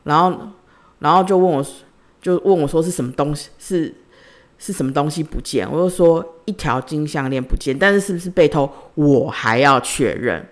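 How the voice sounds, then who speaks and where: A woman's voice: low voice, normal speed. Woman telling a personal story. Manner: conversational, retelling dialogue in her own voice. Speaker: podcast host.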